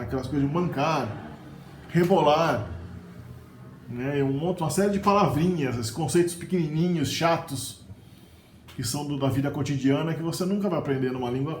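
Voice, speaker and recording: With a slightly high, slightly mellow voice, a middle-aged Brazilian Portuguese-accented teacher walks through vocabulary in a relaxed video lesson. He chats along, often tagging on a questioning "né?". There's slight background noise, a roomy echo, and faint ambience.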